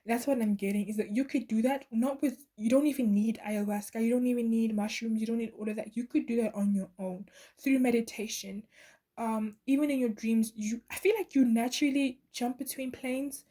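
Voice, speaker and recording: A woman's voice: a little high, fairly even intonation, fairly quick, warm tone. A woman giving a channeled tarot reading to her viewers, earnest and meandering, with many fillers and restarts. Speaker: tarot reader.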